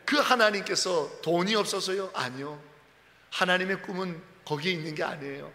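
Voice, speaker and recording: A male pastor preaching in a church sanctuary, his high, gravelly voice ringing with a long hall reverb. He preaches dramatically, acts out the voices he quotes, and moves between loud cries and near-whispers. The tone is bright and forceful. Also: normal speed. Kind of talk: sermon.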